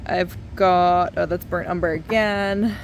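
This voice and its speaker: Unhurried woman, sounding far from the mic. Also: lowish voice, steady tone. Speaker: painter giving an art tutorial. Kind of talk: casual hands-on tutorial talk. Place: basement studio, indoors. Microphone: no external microphone, camera at a distance. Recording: far from mic, noisy basement room.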